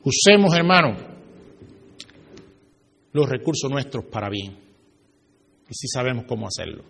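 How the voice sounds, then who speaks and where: A man preaching a sermon as pastor to his church, swinging his pitch and volume for emphasis. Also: sing-song, a little slow, vocal fry, a bit bright, a little hiss or hum. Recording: reverberant hall.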